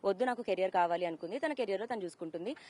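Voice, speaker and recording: Speaking very fast in a medium-pitched, darkish voice, a woman in her thirties shares a personal account as an interview guest. Her speech is mixed with English words.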